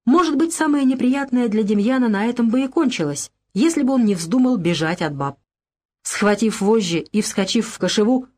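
Female audiobook narrator, even, measured literary storytelling. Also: on the high side.

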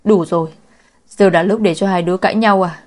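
A woman's voice: lowish voice, fairly even intonation, a little fast, a little mellow, lightly acted. A woman voicing a middle-aged stepmother who begs in a choked voice, in a storybook reading. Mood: pleading. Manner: begging, choked. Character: middle-aged scheming stepmother, pleading and tearful.

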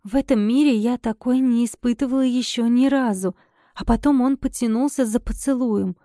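A woman narrating a first-person audiobook expressively, her dialogue flaring into sharp irritation. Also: fairly high pitch, moderate pace, no echo, studio quality.

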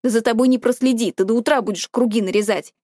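A woman's voice: on the high side, fast, dark tone, dry recording, clean studio sound, lightly acted. A woman voicing a spiteful, controlling teenage older brother who talks in a sneering, scornful way.

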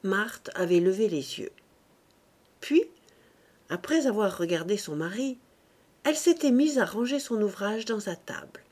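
A woman reading a classic novel aloud as an audiobook narrator, measured and unhurried, lifting her voice for the characters' lines. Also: lively intonation, darkish tone. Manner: measured, voices characters with raised pitch and volume. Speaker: audiobook reader.

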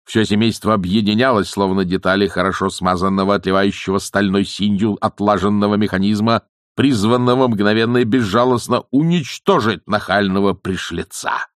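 A man reading an audiobook in a theatrical, lively way. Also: fairly low pitch, normal speed, no echo, studio quality. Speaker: audiobook narrator.

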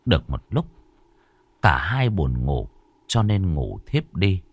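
A man narrating a horror story in a measured, dramatic way. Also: low voice, very animated, husky, no room sound.

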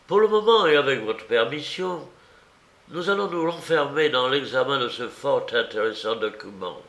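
A man voicing an eager, brilliant male detective who explains with lively, rising delivery in an audiobook. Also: medium pitch, vocal fry, reverberant. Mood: explaining. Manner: quick, animated, explaining.

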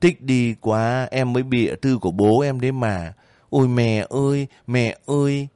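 A man voicing a lively, homesick young girl soldier who talks eagerly and breaks down in tears, in an audiobook reading. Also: mid-range voice, normal speed, smooth, no echo, natural voice. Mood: tearful. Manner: chatty, emotional, breaks into crying.

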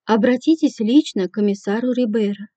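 A strict, proper hotel manager woman with curt, stern replies, as a female audiobook narrator voices her. The voice sits high, the timbre is very dark and mellow, and the recording is dull and dry. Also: brisk, no room sound, close to an everyday voice.

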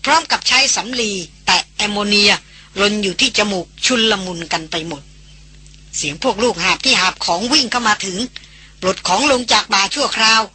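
A woman reading a novel aloud as an audiobook narrator in steady scripted narration. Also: medium pitch, normal speed, breathy edge.

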